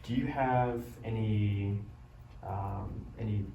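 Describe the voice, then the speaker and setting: A man playing a caring doctor who breaks bad news gently, apologetically and haltingly in a role-played consultation. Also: fairly low pitch, muffled recording. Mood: polite, attentive. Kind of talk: amateur role-play of a medical consultation. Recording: roomy, distant mic, loud background noise.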